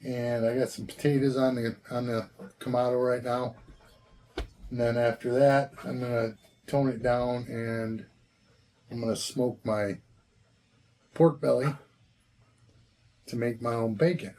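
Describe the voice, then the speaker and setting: A man in his sixties giving a casual vlog check-in outdoors, talking in a relaxed, rambling way with plenty of fillers. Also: medium pitch, measured pace, long pauses. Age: 60s. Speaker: vlogger. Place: outdoors, walking and at a golf course.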